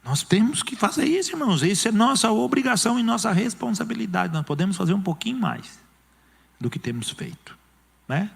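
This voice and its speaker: A man's voice: high voice, sing-song, a little fast, creaky, husky. A male pastor with a Brazilian Portuguese accent preaching an emphatic sermon, acting out quoted voices. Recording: long church hall reverb.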